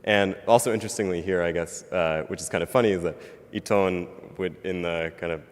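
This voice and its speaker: A man's voice: deep voice, steady tone, fairly quick. A man giving an academic conference presentation, hedging often with fillers like "um" and "kind of". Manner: hedging, filler-heavy delivery. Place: university lecture hall. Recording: lecture hall reverb.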